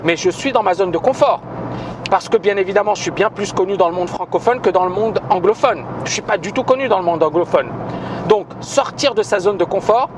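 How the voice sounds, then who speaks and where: Background noise accompanies this brisk, high-voiced man, who founded a trading school. He gives viewers an emphatic video announcement, hesitating a lot and saying things more than once.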